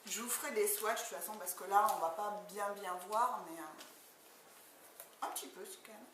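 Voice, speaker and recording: Female beauty vlogger, chatty and excited, far from the mic in a noisy, echoey room. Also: mid-range voice, fairly quick. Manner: chatty, enthusiastic, many fillers. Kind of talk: casual product unboxing. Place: indoor room, far from the camera. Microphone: camera mic at a distance. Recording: echoey room, distant mic, background noise.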